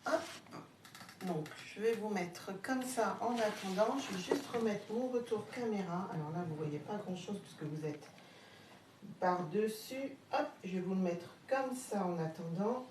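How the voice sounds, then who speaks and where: A woman's voice: medium pitch, darkish tone. A woman with a Haute-Marne French accent hosting a casual live crafting demo, chatting with viewers and hesitating often with fillers. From France. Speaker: craft live-stream host. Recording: roomy, distant, faint background hum.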